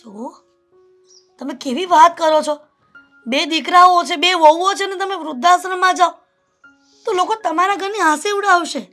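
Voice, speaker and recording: An earnest, concerned neighbour woman, high voice, soft music behind. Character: concerned neighbour woman visiting an old lady.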